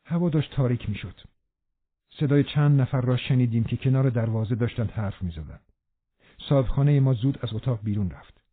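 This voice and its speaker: A man reading a novel aloud as a narrator, in a steady, measured way. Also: medium pitch, breathy edge, no echo. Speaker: audiobook narrator. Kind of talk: scripted narration. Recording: narrow phone-like band.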